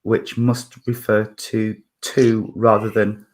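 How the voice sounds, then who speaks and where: A man in his fifties delivers a spiritualist mediumship reading with a flat delivery in a husky, lowish voice. He thinks aloud in fits and starts, leaning on fillers and restarts.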